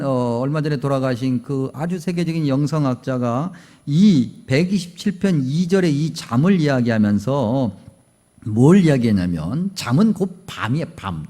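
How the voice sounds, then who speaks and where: A man's voice: on the high side, dark tone. A man preaching a Sunday sermon as pastor, telling stories and asking the congregation questions. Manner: storytelling, asks the congregation questions. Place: church sanctuary. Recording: long church reverb.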